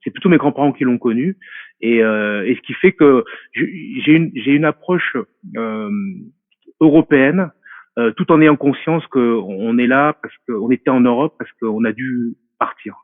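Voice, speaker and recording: A man's voice: mid-range voice, normal speed, no echo. A man in his forties being interviewed, talking in a hesitant, reflective way with many fillers and restarts. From France. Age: 40s. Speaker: guest. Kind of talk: casual interview talk. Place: remote call from a mountain home. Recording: tinny dry phone-like line.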